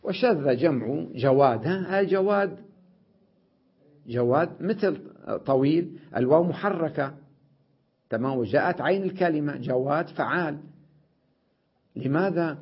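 Husky-voiced man teaching grammar. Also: mid-range voice, dull audio. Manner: explains step by step, repeats words, checks with "right?". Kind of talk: explaining a grammar lesson.

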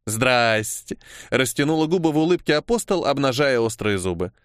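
A man's voice: medium pitch, sing-song, fast talker, no room sound, studio quality. Man narrating an audiobook. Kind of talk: scripted narration.

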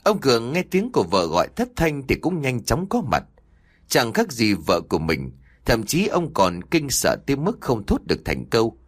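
A man narrating an audio story in a dramatic, expressive way. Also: mid-range voice, normal speed.

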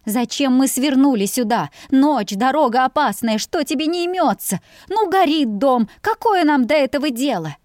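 A woman's voice: high-pitched, lively intonation, moderate pace, hardly any pauses, darkish tone, no echo, clean studio sound, pitched above the performer's own voice. A woman doing a fretful chattering peasant wife. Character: fussy anxious peasant wife and mother.

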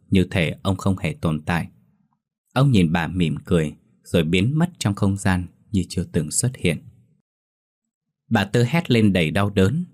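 A man narrating a ghost story in a steady, measured way. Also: low voice.

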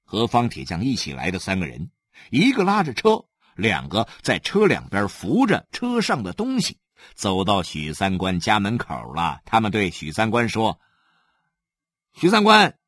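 A man reading a novel aloud as a storyteller, animated and acting out the scenes. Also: lowish voice, moderate pace, husky.

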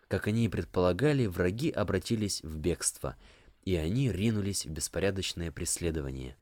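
A man reading an audiobook, narrating a story in a measured, storytelling manner. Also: low-pitched, darkish tone, dry recording. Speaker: audiobook reader.

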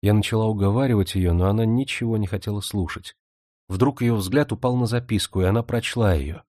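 A man reads a novel aloud in a measured, even storytelling manner. His voice sits low and warm, with a dark, soft timbre. The recording is dry and close, with no room sound. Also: no echo. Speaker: audiobook reader. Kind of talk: scripted narration.

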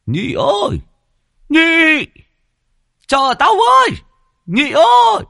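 A man voicing a hot-tempered old martial master who yells curses and threats. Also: very high-pitched, huge pitch swings, very slow, gravelly, dry recording, clean studio sound, voice pushed up, full character voice. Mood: furious shouting.

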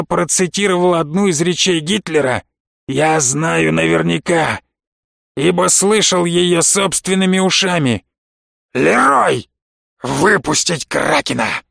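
A hoarse, stern old colonel, as a male narrator puts him on, speaking slowly from a lower, growlier register. He sounds a little set back from the mic. The recording itself stays dry. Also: fairly bright tone, no echo, heavily acted.

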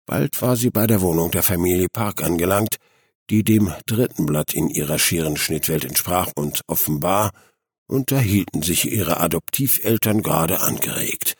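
Husky, low-voiced male narrator. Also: moderate pace, no echo, clean studio sound. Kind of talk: audiobook narration.

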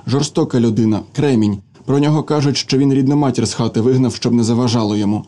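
A man's voice: mid-range voice, fast talker, warm tone, natural voice. A man reading the part of a proud, spiteful young engineer, in a cold and cutting manner.

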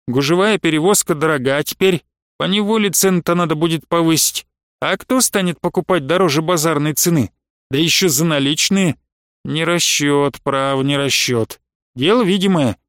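A man's voice: a little high, normal speed, no room sound, studio quality, natural voice. A man voicing a wily older merchant who haggles, pleads and blusters. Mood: wheedling. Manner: bargaining, pleading, bursts of shouting.

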